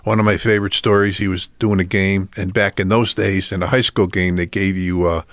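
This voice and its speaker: Gravelly man telling old stories. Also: low voice, level tone, fairly quick, no echo. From Buffalo, New York. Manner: rambling, many restarts and uh's, chuckling. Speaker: guest, sports official. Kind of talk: casual storytelling chat.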